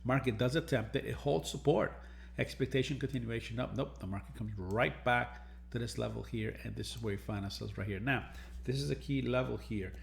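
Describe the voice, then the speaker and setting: Walking through charts in a premarket session, a market analyst host teaches in a semi-scripted, explanatory style, repeating phrases for emphasis. He speaks a little fast in a mid-range voice with vocal fry, over a touch of hiss or hum.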